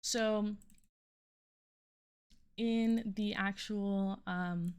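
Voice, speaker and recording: A young adult woman, a student, gives an informal, halting walkthrough of a programming project, thinking aloud as she goes and sometimes trailing off. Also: medium pitch, steady tone, clear, resonant tone. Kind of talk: informal screen-recorded code walkthrough.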